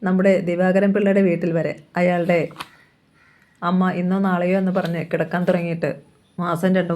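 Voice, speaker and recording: A reader voicing a kindly old father in a novel reading, unhurried and gently grumbling. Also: mid-range voice, lightly acted. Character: kindly old father fond of his daughters.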